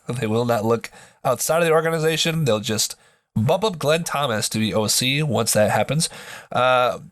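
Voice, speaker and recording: A man's voice: medium pitch, normal speed, a bit bright, dry recording, clean studio sound. A man hosting a sports podcast in casual commentary, his voice nasal from a blocked nose, as if pinching it, with joking asides.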